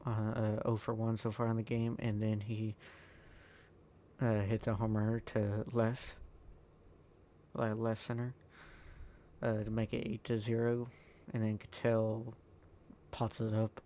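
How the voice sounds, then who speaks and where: Male gaming voice-over, low-key and monotone, hesitant delivery, dark mellow tone over faint hiss. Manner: low-key, halting, lots of ums and uhs. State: tired, yawning. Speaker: gaming YouTuber. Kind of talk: recorded voice-over commentary on own gameplay.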